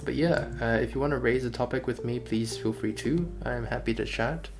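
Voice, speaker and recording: Casually chatting while he works on stream, a game developer rambles and thinks out loud over background music. His voice is medium-pitched and creaky, his pace brisk.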